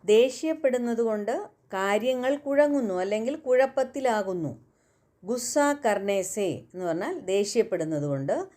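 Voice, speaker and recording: A woman whose first language is Malayalam, teaching everyday Hindi phrases and repeating each example slowly and carefully. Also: on the high side, lively intonation, warm tone. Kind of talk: spoken language lesson.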